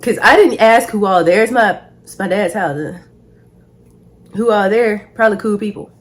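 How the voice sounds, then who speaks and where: A young woman vlogger tells a casual storytime. Her voice sits in a middle pitch, and she talks in a slangy, animated way, laughing often. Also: moderate pace.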